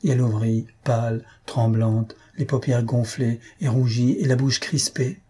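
Husky man narrating a novel. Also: mid-range voice, steady tone, measured pace, warm tone. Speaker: audiobook reader. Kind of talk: scripted narration.

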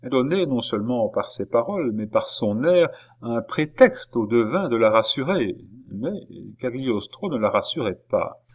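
A man reading a classic novel aloud in measured, even narration. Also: medium pitch. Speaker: audiobook narrator.

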